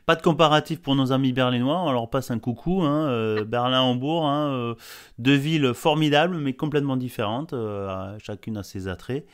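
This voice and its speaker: A podcast host, bilingual in French and Spanish, conducts a casual interview in a clear, resonant, mid-range voice at normal speed. He's chatty, full of fillers and prone to friendly digressions.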